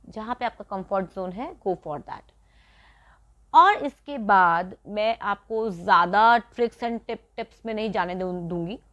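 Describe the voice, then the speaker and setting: A woman's voice: medium pitch, dull audio. A woman teaching spoken English, talking straight to the viewer in a casual, earnest, advising way. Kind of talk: casual spoken English lesson, mixing Hindi and English.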